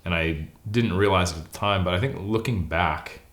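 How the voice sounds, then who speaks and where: This is a casual interview in which a deep-voiced man of forty, both academic and bodybuilder, talks openly about himself while poking fun at himself. He has an American accent, comes from California, speaks at an ordinary speed, and sounds a bit bright.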